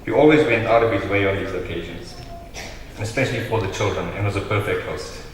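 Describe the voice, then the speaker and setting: A man with a South African accent reading a prepared eulogy in a solemn, measured way, as a member of the family. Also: on the low side. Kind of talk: prepared funeral eulogy read aloud. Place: large reverberant hall. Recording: very echoey hall, distant mic, noisy.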